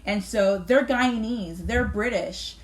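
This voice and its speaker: A woman's voice: mid-range voice, slow. Canadian woman pastor, earnest conversational voice, rhetorical questions. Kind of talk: conversational discussion.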